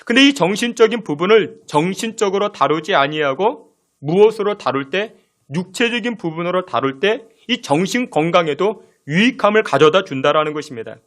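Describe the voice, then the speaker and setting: Male pastor, somewhat high voice, sermon delivery in a church, rhetorical questions, swings between loud stresses and hushed low endings. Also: expressive, moderate pace. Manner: shifts between loud emphasis and soft low phrases. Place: church sanctuary.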